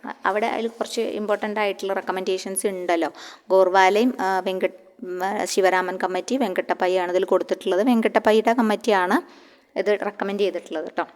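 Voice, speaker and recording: A woman's voice: medium pitch, steady tone, brisk. A woman coaching students for a clerk exam, asking questions and answering them herself, often repeating the key answers. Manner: repeats key answers, asks and answers own questions, ends with "kettō". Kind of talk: exam-prep lecture. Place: the Malayalam-speaking region of India.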